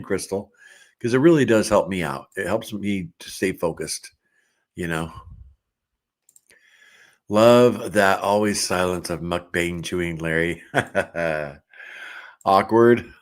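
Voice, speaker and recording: A middle-aged man hosting a casual livestream, reading viewer comments aloud and chatting in a relaxed way with frequent laughs. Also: deep voice.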